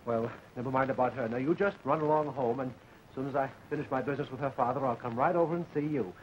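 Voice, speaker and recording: An actor playing a flustered, evasive suitor who stammers and placates in 1940s screwball comedy film banter. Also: male voice, mid-range voice, quick pace, natural voice. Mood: placating. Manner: stammering, hesitant. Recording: muffled, noisy 1940s film soundtrack.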